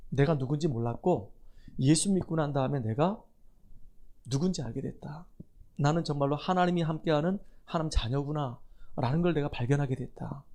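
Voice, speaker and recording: A middle-aged male pastor preaches in a church sanctuary with a slightly raised pitch. He tells stories and acts out the dialogue. He builds to emphatic appeals to the congregation. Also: a little mellow. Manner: storytelling, acting out dialogue, rising to emphatic appeals. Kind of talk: sermon.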